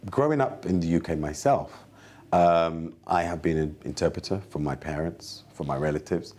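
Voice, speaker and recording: A man's voice: sits low, moderate pace, darkish tone. A man in his forties, from Somalia and raised in the UK, an organisation founder speaking earnestly in an interview. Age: 40s.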